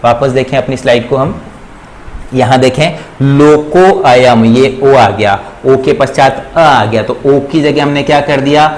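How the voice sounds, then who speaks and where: In a classroom-style lecture on Sanskrit grammar, a man with a Rajasthani Hindi accent draws out each example slowly and repeats it. His mid-range voice stays steady, and the recording quality is low.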